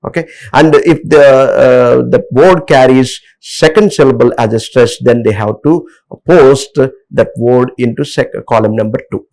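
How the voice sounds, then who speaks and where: Indian english teacher guy, gravelly, lots of uh and um while explaining slides. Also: medium pitch, measured pace, darkish tone, low-quality recording. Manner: hesitant, many uh fillers. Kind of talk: lecture with slides.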